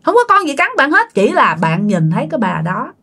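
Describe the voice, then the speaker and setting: Woman host, chatty storyteller, very animated pitch, speaks to listeners. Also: brisk, vocal fry, slightly rough. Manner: chatty, addresses listeners directly. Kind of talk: casual ghost-story narration.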